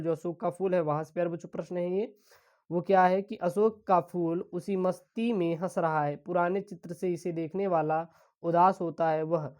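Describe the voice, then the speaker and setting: A woman teacher, explaining exam questions step by step and reading literary passages aloud slowly. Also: lowish voice, darkish tone. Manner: explains step by step, keeps calling students "dear children". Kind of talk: exam-prep lesson.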